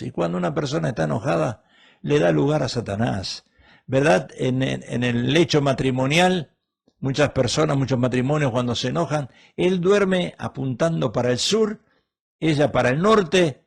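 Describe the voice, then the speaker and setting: Gravelly, husky man preaching a sermon. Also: mid-range voice. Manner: emphatic preaching with rhetorical questions. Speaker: pastor.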